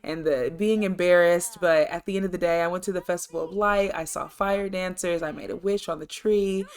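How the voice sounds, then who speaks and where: A woman's voice: on the low side, fairly even intonation, a little fast, smooth, natural voice. A woman voicing a cheerful young woman character from a life-sim game, speaking in a gushing, slightly raised voice.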